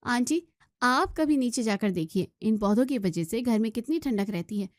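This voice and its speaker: A woman playing a high, pleading young daughter-in-law. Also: expressive, moderate pace, no echo, clean studio sound, natural voice. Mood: defensive. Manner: pleading, defensive replies.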